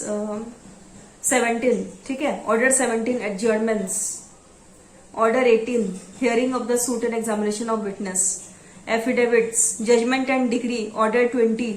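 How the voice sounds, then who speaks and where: A woman from Assam teaching exam preparation, reading out headings slowly and then explaining them. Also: fairly high pitch, roomy sound, slight background noise. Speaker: law exam tutor. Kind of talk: exam coaching lesson.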